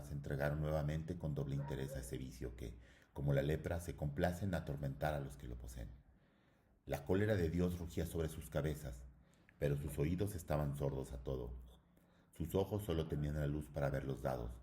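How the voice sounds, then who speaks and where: Male audiobook narrator, solemn literary reading, very low, mellow tone. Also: slight background noise. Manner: solemn and measured. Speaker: audiobook reader.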